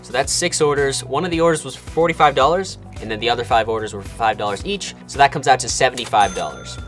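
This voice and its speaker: Man, casual vlog voice-over, rapid, chatty, soft music behind. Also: medium pitch. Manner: chatty, upbeat, laughs between phrases. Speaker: YouTuber narrating a building challenge.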